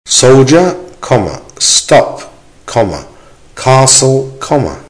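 A man reading an English-lesson dictation aloud in short, deliberate, carefully measured phrases, repeating them and speaking the punctuation. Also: medium pitch, sing-song. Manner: deliberate, measured enunciation with pauses. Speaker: language teacher reading dictation.

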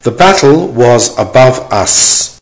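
A man reading a dictation exercise as a teacher, in short, measured, deliberate phrases with punctuation spoken aloud. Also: medium pitch, animated, poor audio. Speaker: language teacher giving dictation.

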